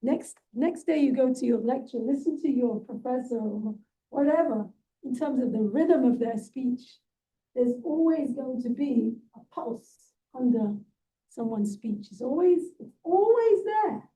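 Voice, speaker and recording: A woman's voice: high voice, lively intonation, measured pace, dark tone, far from the mic, low-quality recording. A woman leading a movement workshop, coaching with encouraging asides and frequent "right?". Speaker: workshop leader and guest speaker. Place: event hall.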